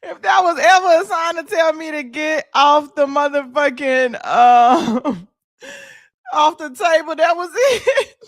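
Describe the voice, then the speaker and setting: Woman streamer cracking up telling a story, kinda high voice, cussing, dry sound. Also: animated, slow pace, dry recording. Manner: loud, laughing, profane storytelling. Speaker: livestream host. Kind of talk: casual livestream chat.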